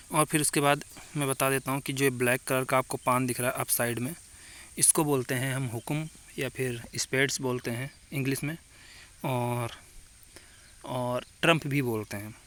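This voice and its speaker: Man casually explaining a card game. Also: medium pitch. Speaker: game tutorial host.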